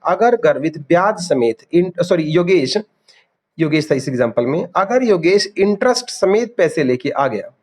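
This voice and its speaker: A male teacher giving an online class lecture, calling students "beta", drilling key terms and quizzing them for quick answers. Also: sits high, a little mellow.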